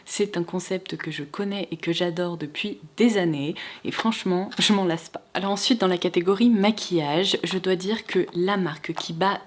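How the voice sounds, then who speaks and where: A woman's voice: fairly low pitch, moderate pace, few pauses. A young woman beauty vlogger presenting gift ideas to camera in an enthusiastic, gushing way.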